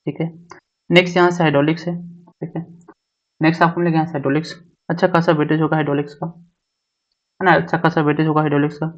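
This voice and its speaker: A man's voice: on the high side, level tone, quick pace, long pauses, lo-fi sound. A male exam coaching teacher walks through a syllabus, repeating each point and mixing English technical terms into his talk. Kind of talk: syllabus walkthrough lecture.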